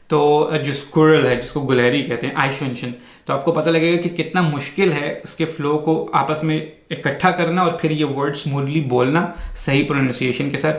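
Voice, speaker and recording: A man gives a casual spoken language lesson, spelling tricky words out letter by letter. His voice sits a little high for a man. The room around him is echoey. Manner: explains slowly, spelling out letters one by one. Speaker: language teacher.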